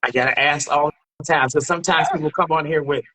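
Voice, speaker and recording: A man's voice: fairly high pitch, steady tone, fast talker, bright, forceful tone, poor audio. A man hosting a dating show over a video call, bantering playfully and teasing his guest. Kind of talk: casual live-stream chat.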